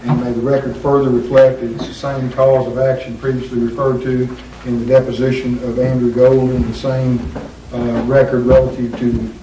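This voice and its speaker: A male attorney heard on a courtroom-style deposition recording, his voice mellow and dark in tone. He asks formal questions slowly and deliberately, often pausing on "uh". The room is echoey, the mic sits some way off, and a faint hiss runs underneath. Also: medium pitch, level tone. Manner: deliberate, measured, with frequent "uh" pauses. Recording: roomy echo, distant mic, faint hiss.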